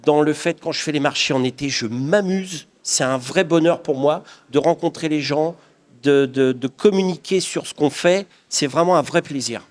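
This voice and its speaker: A middle-aged craftsman from the Paris region of France answers interview questions at a normal speed. His voice is fairly high, and he comes across as earnest and reflective, often restarting his sentences.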